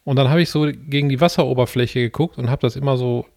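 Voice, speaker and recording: Relaxed man telling a story. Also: medium pitch, fast, dry recording, clean studio sound. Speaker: podcast co-host. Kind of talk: casual chat.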